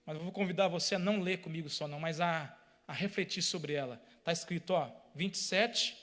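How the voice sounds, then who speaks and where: High-voiced preacher. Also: male voice, a little fast, fairly bright tone. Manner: emphatic, repetitive, addresses the congregation directly. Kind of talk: sermon.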